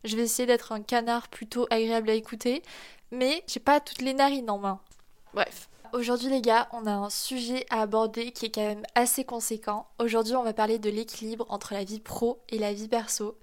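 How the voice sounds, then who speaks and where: A woman's voice: a little high, little pitch movement, moderate pace. A woman in her twenties with a nasal voice hosting a solo podcast, talking to listeners in a chatty, informal, self-deprecating way. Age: 20s. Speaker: podcast host. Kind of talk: casual solo podcast talk addressed to listeners.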